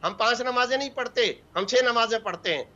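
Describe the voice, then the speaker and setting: A man's voice: very high voice, brisk, pushed and bright, lo-fi sound. A man from Pakistan, a mufti appearing as a guest on a TV talk show, delivering fervent religious commentary in short, emphatic bursts.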